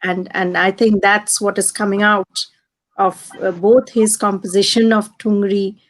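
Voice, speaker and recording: A woman hosting a discussion, speaking slowly and haltingly, often repeating words. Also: mid-range voice, little pitch movement. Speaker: host. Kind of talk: slow moderated discussion.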